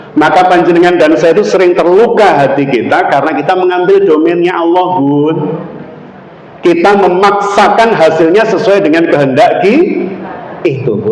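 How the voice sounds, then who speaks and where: A male Islamic preacher with a Javanese accent, giving an animated sermon and quizzing the audience with questions. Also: fairly high pitch. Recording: echoey hall, faint background noise.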